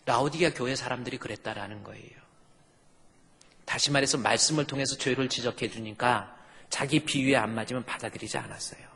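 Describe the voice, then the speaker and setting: A man's voice: mid-range voice, brisk, creaky, bright, forceful tone, breathy edge. A middle-aged male pastor giving an emphatic sermon and acting out churchgoers' stubborn replies. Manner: emphatic preaching, acts out churchgoers' retorts. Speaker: senior pastor. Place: church sanctuary. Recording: long echo in a church hall.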